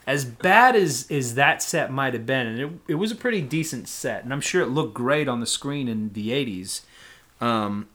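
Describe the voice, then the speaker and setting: Male podcast co-host, average pitch, casual movie chat, filler-heavy and giggly. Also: expressive, normal speed, a bit bright. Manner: rambling, laughing, frequent fillers.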